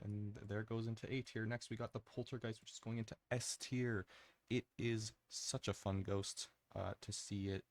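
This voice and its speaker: Low, gravelly man, casual ASMR commentary. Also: dry recording. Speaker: gaming commentator.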